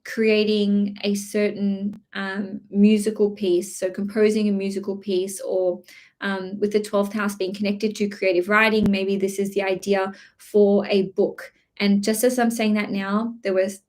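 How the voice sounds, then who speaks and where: A woman's voice: medium pitch, flat delivery, a little slow, a little mellow. A woman giving a chatty live-streamed horoscope reading, with many fillers, restarts and a slight cough. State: slight cough, throat clearing. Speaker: astrology reader.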